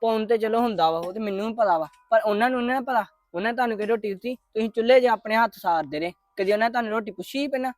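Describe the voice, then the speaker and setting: A woman's voice: on the high side, darkish tone, dry recording, lightly acted. A performer playing a defiant young grandson in a family drama, arguing with his grandmother. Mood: indignant. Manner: quick, insistent, arguing.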